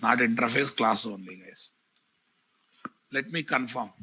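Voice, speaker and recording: A man with a Telugu Indian English accent teaching a live online software class, repeating phrases and addressing his students directly. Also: medium pitch, a little slow, husky. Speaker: programming teacher.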